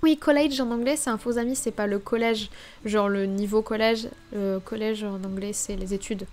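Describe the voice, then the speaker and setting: A woman's voice: mid-range voice, steady tone, normal speed, a little mellow. A young woman streaming live, chatting casually and thinking aloud while she browses the week's releases.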